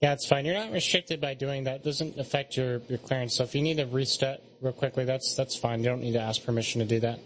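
A man's voice: mid-range voice, quick pace, hardly any pauses, rough recording. A man working as an air traffic controller, giving clipped, procedural instructions over the radio.

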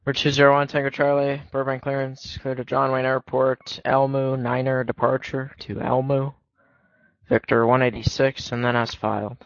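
A man working as an air traffic controller, issuing clearances in clipped radio phraseology. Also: medium pitch, level tone, moderate pace, no room sound. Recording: dull lo-fi radio audio.

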